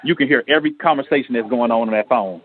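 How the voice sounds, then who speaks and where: A man on a radio talk show telling a personal story in an earnest, halting way, acting out the lines of the people in it. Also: mid-range voice. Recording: tinny phone-line radio audio.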